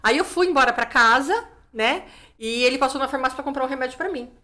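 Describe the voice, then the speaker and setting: Paulista woman pastor telling her testimony, bit high voice, acts out the dialogue, says né a lot. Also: fast talker. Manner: lively storyteller who acts out dialogue, many "né" fillers. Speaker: pastor, guest. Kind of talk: personal testimony in casual interview.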